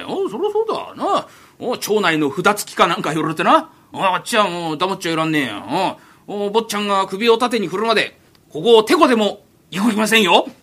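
Voiced by a man, a brash townsman needles and bosses in rough street talk, his gruff voice bright and lively. He scolds and teases by turns in this comic rakugo telling. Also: high-pitched, exaggerated voice. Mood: wheedling. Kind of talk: rakugo storytelling.

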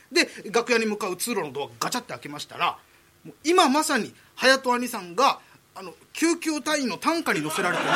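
A man's voice: high-pitched, bright, forceful tone, slight background noise. A man telling a comic rakugo monologue before an audience, in formal, humble phrasing, often laughing at his own story.

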